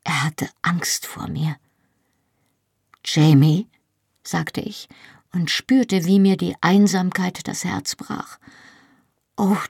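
Woman reading an audiobook, gravelly low voice. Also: a little mellow, dry recording, clean studio sound. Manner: emotional, dramatic delivery. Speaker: audiobook narrator. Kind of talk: first-person audiobook reading.

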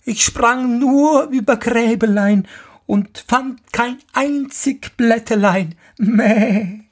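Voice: medium pitch, takes it slowly, pitched above the performer's own voice. A storyteller voicing a spiteful, lying female goat who answers in sing-song rhymes and bleats. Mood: bleating.

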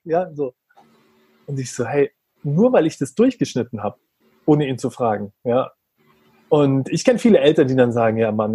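A man's voice: mid-range voice, warm tone, husky, dry recording. A man who is a father, talking earnestly about how he treats his young son and acting out their exchanges. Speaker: parent talking about parenting. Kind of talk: reflective conversational talk.

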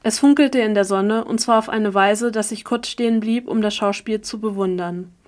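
A woman reading a first-person story aloud as an audiobook narrator, with an even, steady delivery. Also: medium pitch, normal speed. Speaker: audiobook reader.

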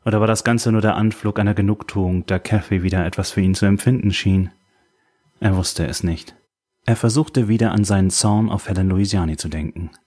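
A man calmly narrating a novel as an audiobook reader. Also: low voice, fairly quick. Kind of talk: scripted narration.

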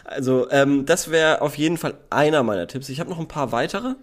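Rambling German man in casual chat. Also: medium pitch. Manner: rambling, many fillers, quick bursts.

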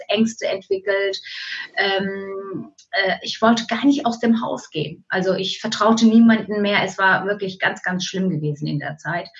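A woman in her forties from Turkey, speaking German with a Turkish accent, telling her personal story candidly with many pauses and fillers. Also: mid-range voice, a bit bright, lo-fi sound. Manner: candid, halting with frequent fillers. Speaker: guest, keynote speaker.

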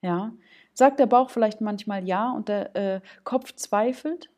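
A woman's voice: medium pitch, measured pace, a little mellow. A woman hosting a solo coaching podcast, speaking informally to the listener with frequent "ja?" check-ins and acting out little quoted voices of gut and head. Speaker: podcast host, business coach.

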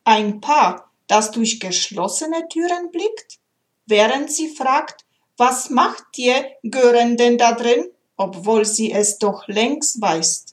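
A woman's voice: on the high side, animated, slow pace. A woman reading a patient, loving God. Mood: earnest. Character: patient, loving God, creator, male and weary.

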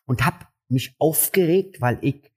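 Husky comedian telling stories. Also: male voice, unhurried. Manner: animated, acts out dialogue with jumps in pitch. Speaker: stand-up comedian. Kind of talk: casual interview storytelling.

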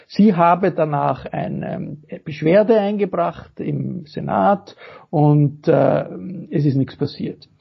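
A man speaking as a guest in a political interview, halting, with many fillers and restarts. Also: a little high, gravelly, slightly rough. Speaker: guest journalist. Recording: dull lo-fi audio.

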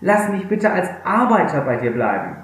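A man's voice: high voice, very animated, moderate pace, voice pushed up. A man reading aloud who voices a desperate, remorseful young son, recorded in a very echoey room.

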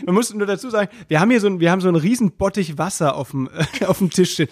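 A man's voice: high-pitched, rapid-fire, no room sound, studio quality. A man co-hosting a podcast in casual chat, teasing and joking. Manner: teasing and jokey.

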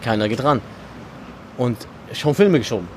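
A young man rambles through a story in casual podcast chat, stacking fillers and acting out what people said. His voice sits at an ordinary middle pitch. Faint traffic noise hums from outside. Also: expressive, normal speed. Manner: rambling, acts out quoted dialogue, many fillers. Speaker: podcast co-host.

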